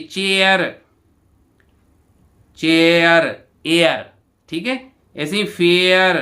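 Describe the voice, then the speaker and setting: A male teacher, going through exam answers and repeating each word slowly to his students. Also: high voice, sharp tone. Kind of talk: exam answer walkthrough lesson.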